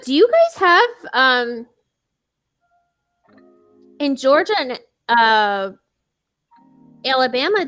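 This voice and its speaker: A woman with a high, slightly bright voice co-hosts a casual podcast. Her chatter is full of fillers and restarts.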